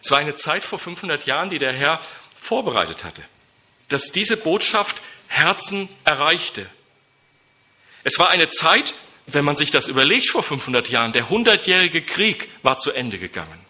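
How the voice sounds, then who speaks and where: A middle-aged male preacher delivers a sermon in a brilliantly bright, cutting voice. He speaks emphatically, repeating phrases as he climbs to fervent high points. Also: sing-song, normal speed. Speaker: preacher and mission leader.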